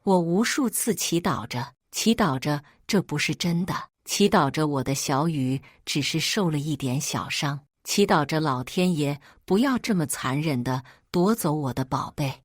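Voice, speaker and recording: A woman's voice: deep voice, lively intonation, moderate pace, hardly any pauses, dry recording, studio quality. A woman reading a first-person family drama aloud as a storyteller, in a dramatic, emotional way.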